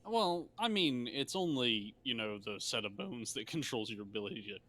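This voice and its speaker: A man's voice: medium pitch, expressive, moderate pace, pushed and bright. A man chatting casually with friends on a voice call, dry and joking. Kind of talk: casual chat.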